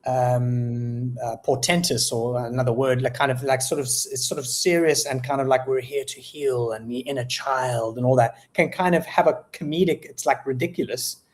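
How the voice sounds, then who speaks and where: A South African man speaking as a guest in an interview, thinking aloud about his craft. He talks reflectively and pauses often to search for the right word, with plenty of fillers along the way. His voice sits at an ordinary middle pitch for a man. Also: fairly even intonation. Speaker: guest poet. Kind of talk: casual interview conversation.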